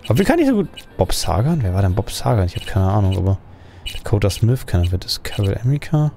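A man's voice: fairly low pitch, sing-song, quick pace, dark tone, slight background noise. Rambling man commentating a video game. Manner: rambling, thinking aloud with frequent questions. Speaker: let's play gamer. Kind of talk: casual gameplay commentary.

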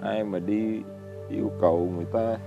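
A man's voice: fairly low pitch, fairly even intonation, moderate pace, dull audio, over music, lightly acted. An actor playing a poor, good-natured old fisherman who talks meekly and hesitantly with frequent chuckles. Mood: rueful.

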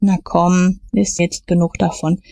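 A woman voicing a rough, cold-hearted male murderer who speaks gruffly. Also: lowish voice, flat delivery, unhurried, dark tone, dry recording. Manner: gruff, growling.

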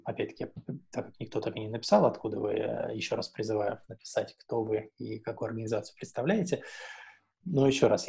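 A man in his thirties presents a webinar for a travel audio guide platform, seated in an indoor room at home or an office. Using a wired earphone headset on a video call, he explains things informally in a medium-pitched, gravelly, warm, husky voice.

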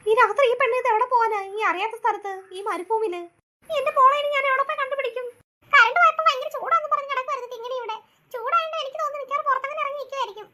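A woman's voice: very high voice, racing, sharp tone. A woman voicing a worried mother in a cartoon, fretful and scolding. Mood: anxious. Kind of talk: cartoon voice acting.

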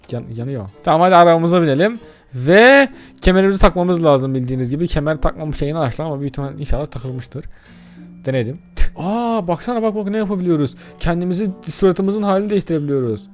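An excitable man giving let's-play commentary, talking straight to his viewers and tossing off casual curses at the game. His slightly high voice leaps around in pitch as he reacts. Faint music plays beneath him. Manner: addresses viewers directly. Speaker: gaming YouTuber.

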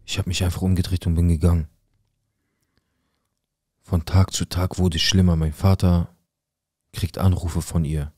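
A man's voice: low-pitched, little pitch movement, moderate pace, pauses often, darkish tone, breathy edge, dry recording, studio quality. A young adult man telling his own painful life story in an intense, blunt, emotional way. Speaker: storyteller sharing a personal story. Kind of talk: personal storytelling.

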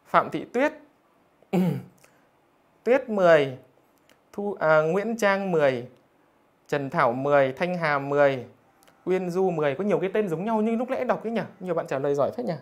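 A man's voice: fairly high pitch, expressive, normal speed, long pauses. A male math teacher, reading out students' scores in a live online lesson in a teasing, jokey way. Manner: teasing, jokey, keeps asking "được chưa?".

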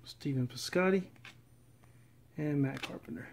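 A man casually narrating as he opens packs of trading cards, reading off names in a steady, relaxed list. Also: a little high, a little slow, gravelly, a little hiss or hum. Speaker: card collector opening packs. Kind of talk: casual running commentary. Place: indoors at a table.

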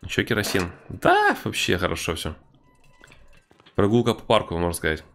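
A man's voice: fairly low pitch, wildly swooping pitch, normal speed, a bit bright, a little hiss or hum. A man giving casual, wry commentary on a horror game playthrough, with mock-tough banter. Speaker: game streamer.

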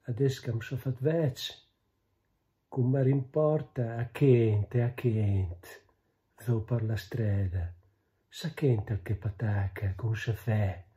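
A man's voice: medium pitch, slow, dark tone. A man in his fifties with a Romagnol accent, reading poetry aloud in Italian dialect. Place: small plain room, indoors.

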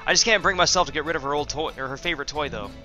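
A grieving mother from a video game, her lines read quietly, as a man reads them out in his own voice. The tone stays bright and plain, with faint game music behind. There is little put-on acting in it. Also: a little high, rapid-fire. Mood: wistful.

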